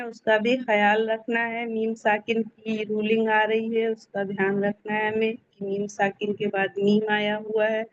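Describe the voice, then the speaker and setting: A woman teaching Quran in an online lesson, explaining slowly and drawing out recited letters. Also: fairly high pitch. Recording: dull lo-fi audio.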